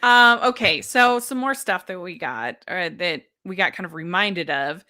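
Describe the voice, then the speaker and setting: A woman's voice: fairly low pitch, unhurried, pushed and bright. A woman hosting a casual chat about streaming shows, chatty and enthusiastic. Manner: chatty, enthusiastic, laughs often. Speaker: podcast host.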